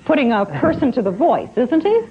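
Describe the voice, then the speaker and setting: Female interviewer, high and animated, tinny line. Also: brisk. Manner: lively, laughs easily. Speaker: interviewer, host. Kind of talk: casual interview chat.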